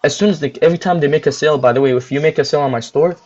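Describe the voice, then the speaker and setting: Chewing gum as he talks, a young store owner on a livestream rambles casually and fills his speech with filler words. His voice is high-leaning, a little mellow, and rapid, over muffled lo-fi audio.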